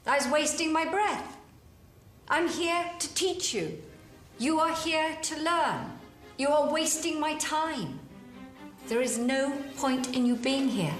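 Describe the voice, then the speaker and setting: A woman's voice: sits high, expressive, takes it slowly, reverberant, faint music behind. A woman teacher scolding a student in a cutting, impatient way. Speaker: finishing school teacher.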